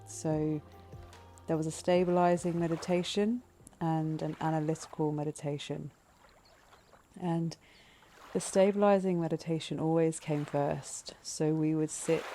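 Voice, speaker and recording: A meditation teacher leading a guided breathing meditation with slow, gentle instructions. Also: medium pitch, vocal fry, slight background noise.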